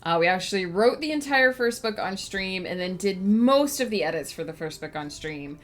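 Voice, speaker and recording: An author livestreams her writing process, chatting casually, thinking aloud and rambling with plenty of fillers. She sounds a little sniffly. Her voice is medium-pitched and expressive, at a normal speed.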